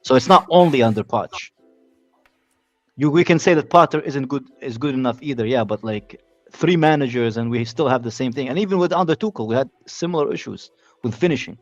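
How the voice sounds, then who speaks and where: A man's voice: mid-range voice, a little fast, dry recording, soft background music. A man calling in to chat about football, heard over a clipped phone line, often restarting his sentences and checking agreement with "yeah?" and "right?". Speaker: call-in guest.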